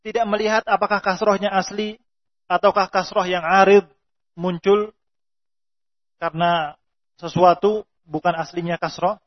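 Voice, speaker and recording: A man teaching Quran recitation rules, reading Arabic lines slowly and explaining them, with drawn-out pronunciation examples. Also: high voice, fairly even intonation. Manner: reads Arabic text slowly, then explains in Indonesian. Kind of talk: explaining tajweed rules from a text. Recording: dull lo-fi recording.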